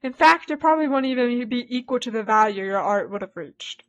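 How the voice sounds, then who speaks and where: A woman's voice: a little high, animated, fairly quick, fairly bright tone, highs cut off. Woman reading as a poised, formal art professor. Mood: composed. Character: poised elegant female art professor, protective.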